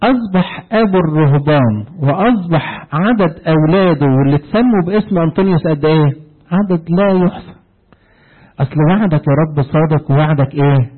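A preacher with an Egyptian Arabic accent and a slightly high, breathy voice tells a story with animation, retelling the dialogue, and pauses on fill-in questions ending in "what?" for the congregation to complete. The recording is narrow and tinny, like a phone line.

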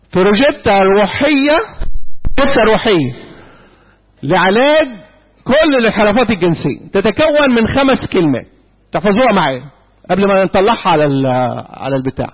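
High-voiced Egyptian man in his sixties. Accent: Egyptian Arabic. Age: 60s. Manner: quizzing, repeats key points, prompts the audience to answer. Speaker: church youth speaker. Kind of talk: church lecture to young people. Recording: tinny phone-like audio in a reverberant hall.

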